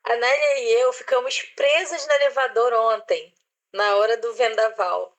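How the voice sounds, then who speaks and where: A Brazilian woman with a slightly high voice, speaking in a casual reflective discussion. She hesitates often, restarting her phrases as she searches for the right word. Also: fairly even intonation, moderate pace. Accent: Brazilian Portuguese. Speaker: participant in a psychoanalysis online discussion.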